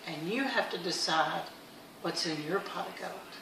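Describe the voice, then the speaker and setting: A woman's voice: fairly low pitch, unhurried, vocal fry, distant mic, background noise. A middle-aged woman vlogging, telling stories and giving earnest motivational talk in a chatty way. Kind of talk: casual motivational vlog. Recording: echoey room, a bit off-mic.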